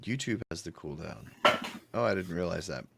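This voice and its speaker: A man hosting a casual podcast chat, relaxed with playful asides. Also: low-pitched, normal speed, creaky, heavy background noise. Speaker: podcast host.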